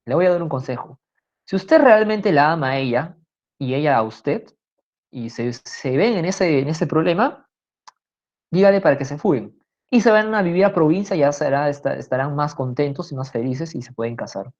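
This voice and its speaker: Woman doing a sly old matchmaker lady, calm advice, low voice, muffled. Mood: advising. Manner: advising, measured. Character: shrewd kindly older matchmaker woman.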